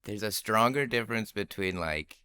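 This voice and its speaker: A man from the Pacific Northwest with a gravelly voice, chatting casually as a comedian guest on a podcast, self-deprecating and swearing now and then. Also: lowish voice, moderate pace, sharp tone. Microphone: podcast mic.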